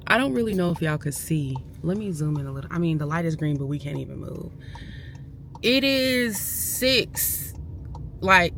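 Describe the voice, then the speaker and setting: A woman chatting casually to camera in a vlog, talking into a handheld phone. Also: low voice. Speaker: vlogger, race participant. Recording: noisy outdoor crowd and traffic.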